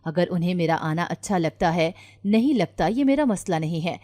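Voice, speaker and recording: A woman's voice: on the low side, expressive, mellow, lightly acted. A woman narrator voicing a pushy, menacing young man in a storybook reading, with little change from her own voice. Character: pushy threatening young man, unwanted visitor. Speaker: intruder in a read-aloud story.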